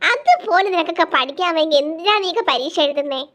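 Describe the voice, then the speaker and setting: A woman's voice: very high-pitched, animated, fast talker, fairly bright tone. A woman voicing a strict, scolding female schoolteacher in a homemade doll play. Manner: stern, scolding, threatens to cane.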